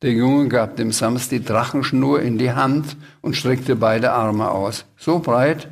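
A man reading his own children's story aloud at a live festival event. He tells it in a lively, chatty way and sometimes turns aside to explain things to the listeners. His voice sits in an ordinary middle range. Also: mid-range voice, slow pace, vocal fry.

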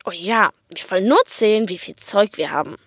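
A woman's voice: medium pitch, brisk, dry recording, close to an everyday voice. A woman with an Austrian accent voicing an easygoing father with a dry, ironic way of talking. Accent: Austrian German. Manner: laid-back, ironic.

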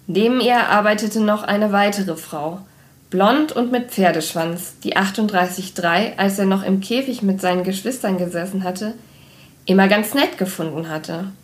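A woman reading a children's book aloud in an expressive way. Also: medium pitch, moderate pace. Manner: expressive, does character voices. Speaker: reader.

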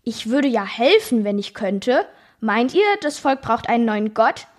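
Girl doing a slow, wistful male moth spirit, simple-minded, storybook reading. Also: fairly high pitch, lively intonation. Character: naive dreamy male moth shapeshifter.

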